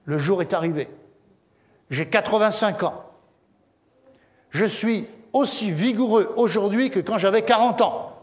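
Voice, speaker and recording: A man's voice: high-pitched, a little slow, pauses often, voice pushed up. A man acting out an elderly biblical warrior who is proud and insistent. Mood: eager. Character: elderly male biblical warrior, vigorous and eager.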